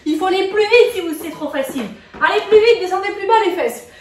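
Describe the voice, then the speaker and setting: A woman's voice: very high voice, animated, quick pace, a little hiss or hum. Upbeat woman coaching a workout. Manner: upbeat, counts reps, checks in on listeners. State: moving while exercising. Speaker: fitness coach. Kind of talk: live workout instruction. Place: indoor room with a window. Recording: echoey room, mic at a distance.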